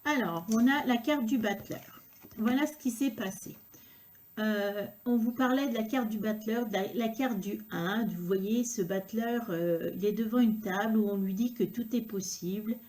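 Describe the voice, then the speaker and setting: A woman reading tarot cards to the viewer, talking unhurriedly and filling pauses with hein and euh. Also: medium pitch, a little mellow. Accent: regional accent, unnamed. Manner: unhurried, filler-heavy talk with frequent "hein" and "euh". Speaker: tarot card reader.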